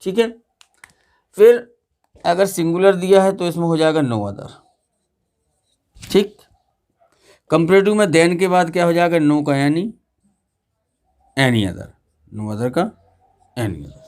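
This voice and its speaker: Male teacher with a slightly high voice, drilling grammar rules in class through call-and-response. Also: a little slow, long pauses, darkish tone. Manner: asks students questions and repeats the answers.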